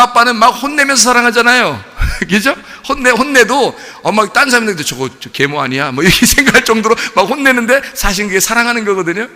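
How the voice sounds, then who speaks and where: High bright pastor preaching in a reverberant hall. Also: male voice. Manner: conversational preaching with rhetorical questions and laughter. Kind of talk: sermon. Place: church sanctuary. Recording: long church hall reverb.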